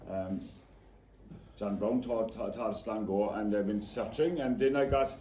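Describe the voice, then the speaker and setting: Halting Irish man, echoey and noisy room. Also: fairly low pitch, warm tone. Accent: Irish, County Cork. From Ireland. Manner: halting, repeats words. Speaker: singer and traditional storyteller. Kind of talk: informal off-the-cuff speech to a gathering. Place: echoey indoor room before an audience. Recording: echoey room, distant mic, background noise.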